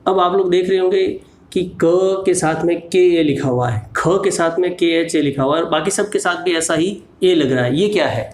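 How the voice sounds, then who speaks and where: A man teaching a slow, patient lesson, spelling letters out one by one. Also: a little high, roomy sound.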